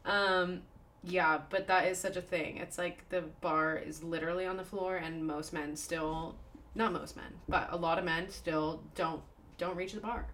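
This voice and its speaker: A woman's voice: on the low side, fairly even intonation, unhurried, fairly bright tone, slight background noise. A woman in her twenties co-hosting a podcast, telling a story in casual chat, candid and laughing often. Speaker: podcast co-host.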